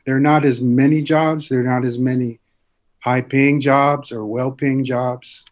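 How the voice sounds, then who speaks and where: A man's voice: medium pitch, level tone, a little slow, lo-fi sound. A man speaking as an interview guest in a thoughtful, explanatory way, sometimes posing questions to himself.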